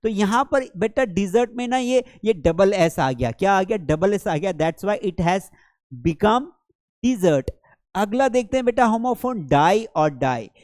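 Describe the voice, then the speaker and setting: A man teaching English vocabulary in a lesson, calling students beta and reading English example sentences slowly. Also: sits high, expressive, darkish tone, dry recording, studio quality. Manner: calls listeners beta, slows right down for English example sentences. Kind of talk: classroom lesson explaining words.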